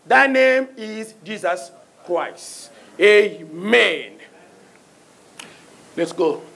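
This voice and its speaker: A middle-aged guest preacher with a French accent delivers a sermon from the pulpit on a small stage in a church sanctuary, using a handheld mic. His voice is high, expressive, creaky, and fairly bright, and he speaks very slowly. He uses call-and-response, calling out "Amen?" to the congregation.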